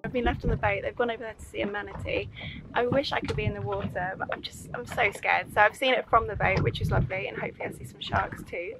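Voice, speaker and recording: A woman's voice: medium pitch, fairly even intonation, fast, creaky, very noisy. A woman co-hosting a travel vlog, talking in a casual, rambling way with ums, outdoors. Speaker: travel vlogger co-host. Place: outdoors, on a boat at sea.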